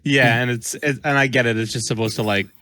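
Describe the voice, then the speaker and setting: A man's voice: mid-range voice, steady tone, fairly quick, bright, forceful tone, dry recording. A young man co-hosting a casual movie podcast, hesitant, with many fillers. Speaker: podcast co-host.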